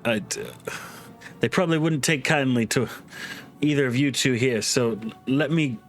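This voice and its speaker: A man running a tabletop game as game master, narrating in a halting way with restarts and fillers. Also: mid-range voice, soft background music.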